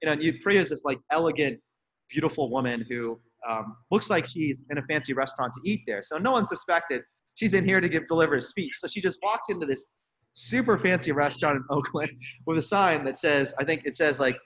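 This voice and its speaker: A man, an activist on a donor call, telling stories in a casual, animated way and laughing often. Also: on the high side, low-quality recording. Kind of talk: casual storytelling.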